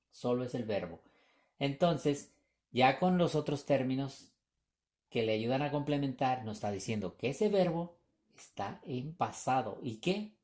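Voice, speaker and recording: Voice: medium pitch, dark tone. An English teacher giving a recorded grammar lesson, explaining patiently, repeating examples and often checking whether students follow.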